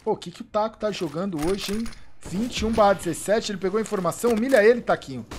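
A Brazilian man giving excited live commentary on a competitive shooter match, swearing and shouting at big plays. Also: sits high, fast talker, background noise. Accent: Brazilian Portuguese. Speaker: esports streamer commentator. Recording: live stream with game gunfire behind.

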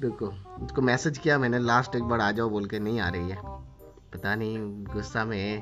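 A man's voice: brisk, soft background music. A young man, casually commentating his own game and chatting with friends. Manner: chatty, switches from excited to low and subdued. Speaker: gaming YouTuber.

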